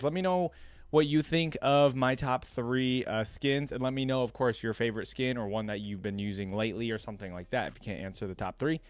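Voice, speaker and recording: The host of a gaming reaction channel, a man, reacts casually on video, talkative and thinking out loud along the way. He speaks in a mid-range voice with no room sound.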